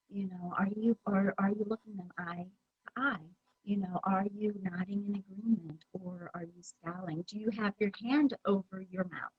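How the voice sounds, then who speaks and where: A woman's voice: mid-range voice, slightly rough, dry recording, highs cut off. A woman giving a conference presentation, talking in a conversational way with many fillers and restarts. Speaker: presenter at a user group meeting.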